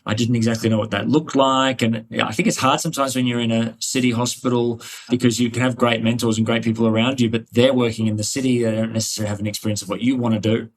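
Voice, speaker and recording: An Australian man from the Hunter Valley in New South Wales, a cardiologist appearing as an interview guest, answers questions in a reflective, discursive, conversational way. His medium-pitched voice is steady, and he talks quickly with hardly any pauses.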